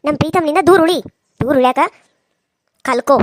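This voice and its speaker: A woman's voice: high voice, brisk, slight background noise, natural voice. A woman doing a harsh North Karnataka mother-in-law. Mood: scolding. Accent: North Karnataka Kannada. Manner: scolding, contemptuous. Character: harsh scheming rich mother-in-law, middle-aged. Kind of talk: cartoon serial voice acting.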